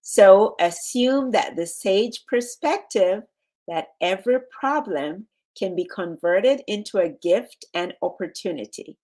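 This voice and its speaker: A woman coaching in a measured, instructional way, leaving pauses as she guides a relaxation exercise. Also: mid-range voice, expressive, a little mellow. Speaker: relaxation and mental fitness coach.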